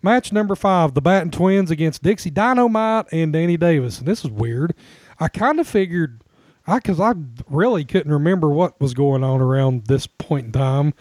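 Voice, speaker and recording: A man talks in a loose, rambling way, stopping to restart his sentences and laughing easily. His voice sits a little high for a man. The sound is dry and close, with no room echo. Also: animated, normal speed, a little mellow. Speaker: podcast co-host. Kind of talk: casual chat about wrestling.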